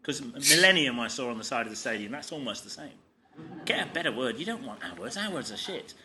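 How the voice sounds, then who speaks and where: A man's voice: medium pitch, very animated, quick pace, noisy background. A man co-hosting a live comedy podcast, dryly reading out newspaper items with wry asides. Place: live stage show before an audience.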